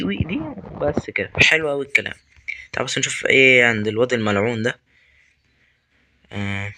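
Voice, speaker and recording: A young man with an Egyptian Arabic accent, giving loud, excitable commentary on a horror game and yelling at its characters. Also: mid-range voice, a little hiss or hum. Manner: excitable, talks to game characters and swears at them. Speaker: gamer.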